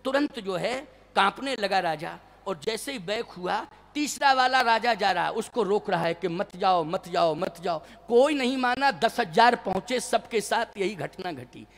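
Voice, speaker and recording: A man's voice: high-pitched, a little slow, hardly any pauses. A man preaching a devotional sermon, telling a scripture story with animation and putting questions to his listeners. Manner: animated, asks the audience questions. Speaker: religious preacher.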